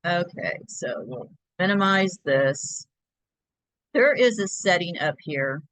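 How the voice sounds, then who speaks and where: A woman's voice: lowish voice, lively intonation, takes it slowly, a bit bright, no room sound, low-quality recording. Chatty woman talking through a tutorial. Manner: chatty step-by-step explaining, thinking aloud. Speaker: crafting tutorial host. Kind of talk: screen-share laser engraving tutorial.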